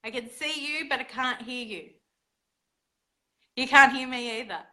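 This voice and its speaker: A woman's voice: a little high, unhurried, pushed and bright, low-quality recording. A woman hosting an online women's circle on a video call, talking casually and hesitantly with many fillers and restarts. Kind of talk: casual online gathering talk.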